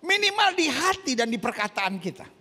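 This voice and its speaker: A man preaching a sermon, animated, questioning the congregation and acting out voices. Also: extremely high pitch, fairly quick, big-room sound. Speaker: pastor.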